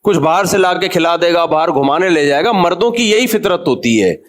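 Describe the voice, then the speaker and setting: Cleric with a raised voice. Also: male voice, high voice, lively intonation. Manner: chatty and joking, addresses listeners directly. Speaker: Islamic cleric giving a talk. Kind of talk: humorous conversational sermon.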